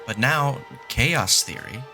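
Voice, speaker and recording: A man playing a smug, doom-saying chaos mathematician in an audio drama, lecturing with halting emphasis. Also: mid-range voice, lively intonation, sharp tone, faint music behind, full character voice.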